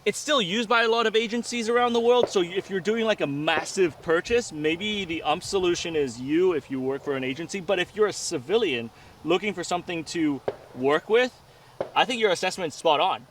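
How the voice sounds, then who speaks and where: A man with a fairly high voice hosts a casual gun review. He sounds a little away from the mic outdoors, with faint noise behind him. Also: a little fast, fairly bright tone, far from the mic. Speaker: firearms review host. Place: outdoor shooting range.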